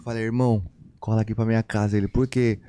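A man's voice: lowish voice, flat delivery, fast, warm tone, smooth, no echo. A young man from Brazil, a podcast guest telling a long story in casual, slangy talk full of repeated phrases.

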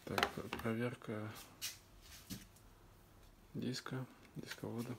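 A man giving a plain, unscripted product demonstration in halting short phrases, recorded on a handheld phone in a shop. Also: mid-range voice, flat delivery, vocal fry, very noisy. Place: indoors, electronics shop. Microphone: handheld phone behind camera.

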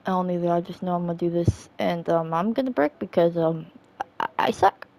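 A woman with a low, gravelly voice chats through a basketball game on her stream. She hesitates, trails off and pokes fun at her own play. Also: fairly quick, a little mellow. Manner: hesitant, self-deprecating, trails off. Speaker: gaming channel host. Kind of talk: casual gaming chat.

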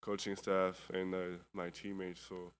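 A tired young man in his twenties from Europe, a basketball player answering postgame press questions at a table microphone, halting and full of fillers and restarts. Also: sits low, monotone, clear, resonant tone. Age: 20s. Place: indoor press conference room.

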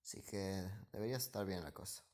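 A man's voice: low voice, a little fast, darkish tone. A man giving live commentary over his own gameplay, muttering asides and repeating short phrases as the action swings. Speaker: gaming streamer.

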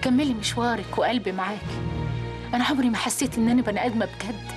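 A woman's voice: a little high, racing, over music, natural voice. An actress playing an older village woman who is giving up her job as guard chief. She speaks with an Egyptian accent, earnest and pleading. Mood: heartfelt. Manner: heartfelt, pleading. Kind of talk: TV drama acting.

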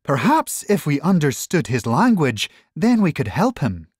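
A reader voicing an excitable male sea otter scientist in a children's storybook, curious and eager. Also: mid-range voice, unhurried, slightly rough, dry recording, clean studio sound. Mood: thoughtful. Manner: excited, inquisitive.

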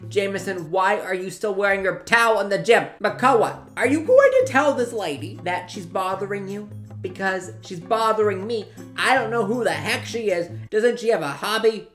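A man's voice: a little high, a bit bright. Light-voiced young man narrating gameplay over music. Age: young adult. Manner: mock-bossy, sarcastic. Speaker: gaming video host.

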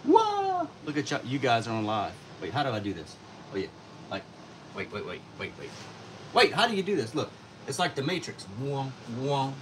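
A man with a sore throat hosting a casual live stream, answering chat in a tired, low-key way from his home studio on a phone. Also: sing-song, fairly quick, long pauses, fairly bright tone, slight background noise. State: sore throat, speaking softly.

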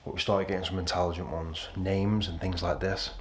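Guy whispering low at 3am in an old house, kinda deep voice, soft background hiss. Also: little pitch movement, fairly quick. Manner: quiet, low-key, often near a whisper. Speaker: paranormal investigator. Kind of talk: hushed night-time vlog narration.

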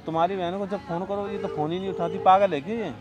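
A man with a high voice talks in a worried, insistent way in a home video. Loud background noise runs under the whole recording. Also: steady tone, quick pace. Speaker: prank target. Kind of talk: casual home video talk.

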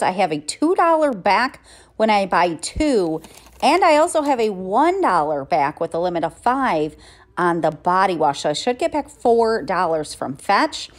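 Chatty woman walking through store deals. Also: mid-range voice. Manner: chatty, walks through prices and deals step by step. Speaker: couponing vlogger. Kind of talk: casual shopping vlog narration. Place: inside a drugstore, walking the aisles.

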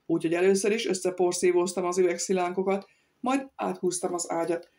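A woman narrating an audiobook of a novel, reading every character herself and lifting her voice for shrill outbursts. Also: darkish tone.

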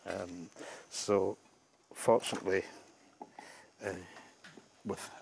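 Low-voiced chef, relaxed. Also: male voice, slow pace, gravelly, a little hiss or hum. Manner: relaxed, hesitant, dry humour. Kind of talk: TV cooking demo.

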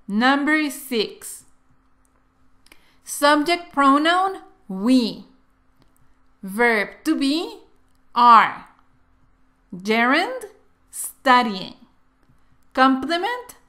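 Slow, high-voiced woman teaching English. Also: bright, forceful tone. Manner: drills words slowly and repeats each phrase twice. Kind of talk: slow, clear bilingual English lesson.

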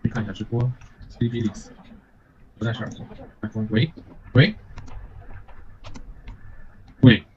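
A man with a fairly low, darkish voice chats casually as a gaming partner while troubleshooting audio, repeating himself as he checks his setup. He talks at a normal speed with long pauses, and his muffled mic picks up faint noise.

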